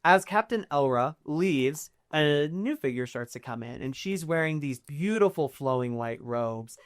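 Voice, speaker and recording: A woman's voice: low-pitched, animated, measured pace. A woman narrating a tabletop game as game master in a casual, chatty way with many fillers.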